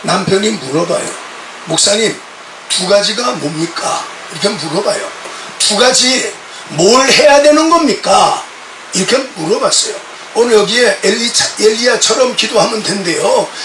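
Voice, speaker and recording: A middle-aged male pastor preaching a sermon with passion and often shouting out quoted words, recorded in a church from a distance. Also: high-pitched, lively intonation, moderate pace, background noise. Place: church sanctuary. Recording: echoey church sound from a distant mic.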